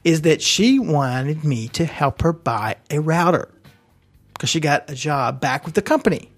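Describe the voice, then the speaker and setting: Soft music plays beneath a podcast co-host whose high, expressive voice takes its time. He casually recounts a lengthy anecdote that keeps straying into side comments and self-corrections, speaking into a studio microphone plugged into a computer.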